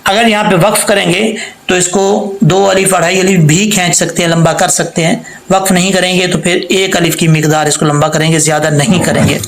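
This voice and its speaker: A man teaching Quran recitation rules, spelling out letters and vowel marks and then reciting words slowly and drawn out, sometimes asking and answering his own questions. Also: sits high, fairly even intonation, gravelly, reverberant, slight background noise, low-quality recording. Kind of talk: tajweed lesson with slow demonstrations.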